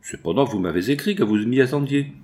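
A man's voice: medium pitch, animated, fast, mellow, lightly acted. A man reading as an anxious young woman.

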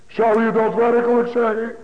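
A man's voice: very high voice, monotone, moderate pace. A male pastor preaching a sermon to his congregation, with emphatic, repetitive phrasing. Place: church. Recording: tinny phone-like broadcast in a large reverberant church.

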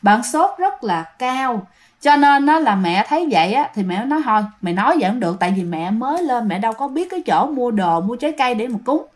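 A woman's voice: fairly high pitch, very animated, fairly quick. Chatty woman telling ghost story. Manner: chatty, addresses listeners directly. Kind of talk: casual spoken storytelling.

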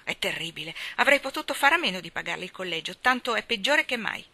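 A woman voicing a fussy, complaining aunt who speaks loudly and high with indignation. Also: big pitch swings, quick pace, no echo, full character voice. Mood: indignant.

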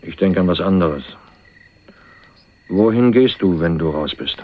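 In a crime radio play, a male actor plays a hunted young millionaire on the run, wry and streetwise, speaking in a dry, colloquial, confiding way. His voice sits low and is animated at a measured pace, heard through a muffled, phone-like narrowband radio recording.

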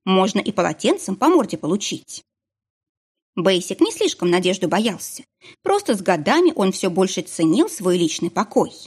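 A woman reads a novel aloud in scripted narration. Her voice sits in a middle range for a woman but moves with lively, animated pitch. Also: moderate pace, husky. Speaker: audiobook reader.

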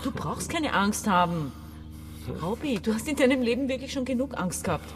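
A woman's voice: fairly high pitch, animated, normal speed, music in the background, natural voice. An actress playing a bossy, hard woman in her forties who gives curt orders and scolds. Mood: commanding. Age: 40s. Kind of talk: radio play acting.

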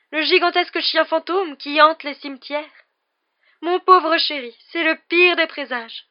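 A mournful, theatrical fortune-teller woman, as an audiobook reader puts her on wails her warnings in a high, loud voice. Her lines swing widely and hang on every word of doom. The recording sounds dull and lo-fi. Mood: wailing. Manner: theatrical, wailing, breathy dread.

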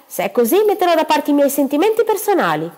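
A woman's voice: high voice, wildly swooping pitch, fast, a little mellow, pitched above the performer's own voice. A woman voicing a vain, self-pitying middle-aged mother with an affected, plaintive manner. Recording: long reverberant room.

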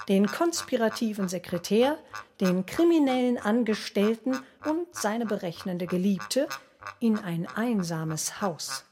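A woman with a medium-pitched, slightly dark voice that sounds close to everyday speech narrates a scripted documentary radio play. She reads a synopsis in short, declarative sentences while music plays behind her.

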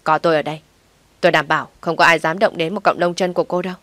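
A woman's voice: fairly low pitch, steady tone, quick pace, no room sound, close to an everyday voice. A woman playing a domineering vengeful wife. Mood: commanding. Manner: domineering, shouting orders. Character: furious vengeful wealthy wife, middle-aged woman.

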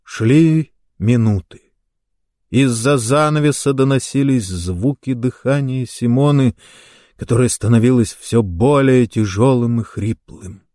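Slow, measured male story narrator. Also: mid-range voice, no room sound, studio quality. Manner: slow, measured, even reading. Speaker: audiobook narrator.

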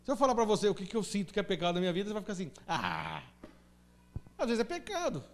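A man's voice: sits high, sing-song, very fast, a little mellow. A Brazilian man preaching a sermon as pastor in a church, emphatic and full of rhetorical questions. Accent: Brazilian Portuguese.

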